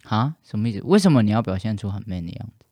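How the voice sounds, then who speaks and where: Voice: mid-range voice, big pitch swings, very fast, mellow, no echo. A speaker chatting casually and asking questions, dropping in the odd English word. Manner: inquisitive, mixes in English words. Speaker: conversation partner asking questions. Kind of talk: casual chat.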